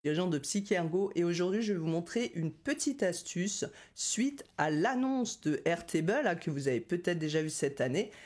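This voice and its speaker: A woman, a company director and no-code trainer, giving a chatty screen-share software tutorial with many fillers, talking straight to viewers. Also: lowish voice, lively intonation, normal speed, hardly any pauses.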